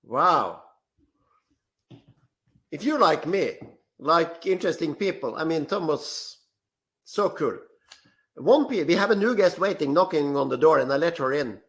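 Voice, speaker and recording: An upbeat man hosts a live online webinar over a video call. His voice sits a bit higher than most men's. He talks eagerly, often restarting with repeated words. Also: expressive, unhurried, pauses often, a bit bright. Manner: enthusiastic, repeats words when starting sentences. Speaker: webinar host.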